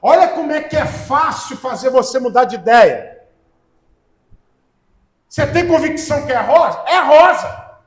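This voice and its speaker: A man's voice: very high-pitched, animated, moderate pace, pauses often. A man with a Brazilian accent preaching a sermon, telling stories and acting out the voices in them with growing emphasis. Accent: Brazilian Portuguese. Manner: storytelling, acts out quoted voices with rising emphasis. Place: church hall. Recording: echoey church hall.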